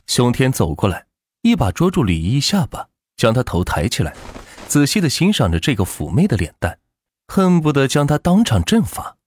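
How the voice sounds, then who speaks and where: A man narrating a dramatic web novel story in a lively way. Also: mid-range voice, moderate pace, slightly rough, no room sound.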